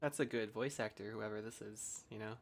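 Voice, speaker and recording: Very low-voiced woman gamer. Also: steady tone, fairly quick. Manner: slangy, exclaiming. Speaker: gamer reacting to game story. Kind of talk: casual gameplay commentary. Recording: game music underneath.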